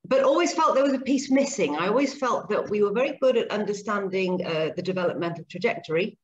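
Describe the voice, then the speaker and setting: A woman's voice: mid-range voice, lively intonation, quick pace. A middle-aged woman, a speech and language therapist, talking earnestly at length as a guest on a video-call interview from her home kitchen. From grew up in Zambia and Papua New Guinea. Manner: chatty, earnest, explains at length. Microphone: laptop webcam mic on video call. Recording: dull lo-fi call audio, faint noise.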